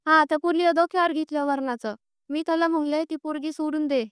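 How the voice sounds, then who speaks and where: A young woman with a high-pitched, steady-toned voice talks a little fast as she pleads her grievance over a recorded phone call. Aggrieved and insistent, she repeats herself throughout the emotional private conversation, recorded clean in a studio with no echo.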